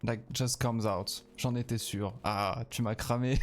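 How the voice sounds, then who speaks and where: A man's voice: medium pitch, takes it slowly, slight background noise. A man with a French accent, a native French speaker, chatting casually on a live stream while playing a game and answering his chat.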